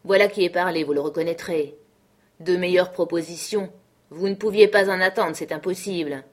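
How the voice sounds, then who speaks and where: A woman voicing a crippled old male pirate cook who makes loud, blustering threats in an audiobook. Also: fairly low pitch, normal speed, lightly acted. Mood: bargaining.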